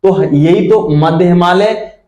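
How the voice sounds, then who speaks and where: A man's voice: high-pitched, slow pace, dark tone, roomy sound. A man giving an exam-prep geography lesson, asking and answering his own questions and checking in with listeners as he points things out on a map. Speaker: teacher.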